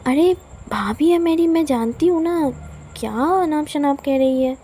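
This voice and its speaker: A woman voicing a cheeky young man who protests in quick, whiny bursts in a storybook tale. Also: high voice, dark tone, faint music behind, pitched above the performer's own voice. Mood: protesting.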